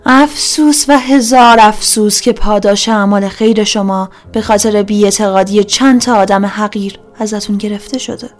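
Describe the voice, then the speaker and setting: A woman voicing a domineering woman cult leader who poses as a goddess, loud and preaching. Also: mid-range voice, few pauses, close to an everyday voice. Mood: menacing.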